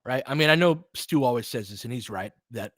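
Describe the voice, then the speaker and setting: In clean studio audio with no room sound, a man calls basketball live in clipped, fragmentary bursts, unashamedly rooting for his team. His medium-pitched voice is expressive, brisk and fairly bright.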